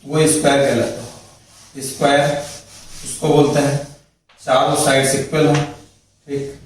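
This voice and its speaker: A man's voice: medium pitch, little pitch movement, unhurried. A man teaching physics in a classroom lecture, explaining step by step and checking in with students. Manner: explains step by step, repeats points, asks checking questions. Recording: echoey room, mic far off, faint noise.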